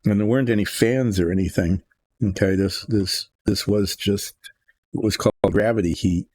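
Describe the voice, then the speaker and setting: An older man hosting a relaxed painting show, rambling and thinking aloud from his workshop as he works. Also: lowish voice, moderate pace, breathy edge, no room sound. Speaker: hobby painting host. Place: home workshop.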